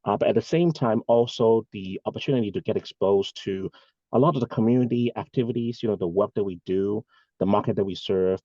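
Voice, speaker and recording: A man's voice: fairly low pitch, mellow, no echo, dull audio. A man, giving earnest, rambling answers as an interview guest over a video call. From Hong Kong. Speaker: guest, bank executive. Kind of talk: casual interview talk.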